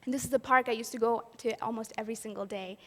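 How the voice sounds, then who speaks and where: This Pakistani event speaker earnestly recounts her own story, tossing rhetorical questions to the crowd in rapid-fire delivery. Her somewhat high voice is steady and a bit bright, and a long reverb from the hall lingers after her words.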